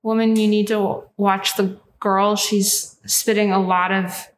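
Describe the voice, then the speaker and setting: A woman's voice: medium pitch, level tone, slow pace. A woman chatting casually as an interviewer, curious and reactive to what she hears. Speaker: interviewer, visitor. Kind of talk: casual chat. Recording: echoey room, faint noise.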